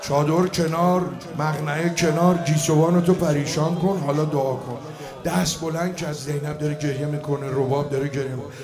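A man telling a religious story as a dramatic lament, swinging from hushed tones to shouts. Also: a little high, fairly even intonation. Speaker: eulogist.

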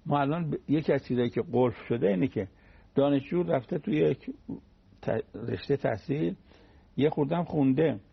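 Man with a gravelly husky voice doing a folksy religious radio talk, all anecdotes and examples, dull lo-fi sound. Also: medium pitch. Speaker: cleric giving a religious talk.

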